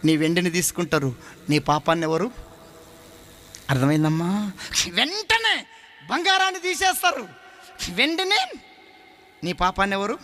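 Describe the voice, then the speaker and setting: A man's voice: high-pitched, pushed and bright, a little hiss or hum. A male preacher with a Telangana Telugu accent, telling folksy stories in a sermon and questioning the congregation directly. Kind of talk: sermon with storytelling. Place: church hall.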